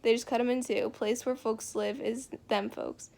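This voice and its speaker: A woman's voice: on the high side, flat delivery, moderate pace, vocal fry, darkish tone. A woman reading as a bitter lonely farmer. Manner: drawling rural dialect. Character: lonely bitter middle-aged farmer man, rambling.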